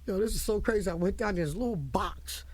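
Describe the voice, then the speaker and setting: Middle-aged lady guest on a radio show, loud and blunt, cusses a lot, laughs a lot. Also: medium pitch, fast, husky. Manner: animated, blunt, laughs often, swears freely. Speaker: guest, music manager. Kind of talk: casual radio interview storytelling. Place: radio studio.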